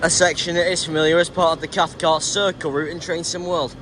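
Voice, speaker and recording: A man with a slightly high voice gives casual vlog commentary over clear station noise. He talks hesitantly, correcting himself as he goes. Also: little pitch movement, fairly quick, fairly bright tone. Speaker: trainspotting vlogger. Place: large railway station.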